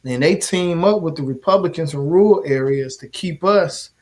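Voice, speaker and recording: St guy, organizer, cussing and animated, kinda higher voice. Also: moderate pace. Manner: animated, swearing storyteller. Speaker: community organizer. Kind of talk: casual chat.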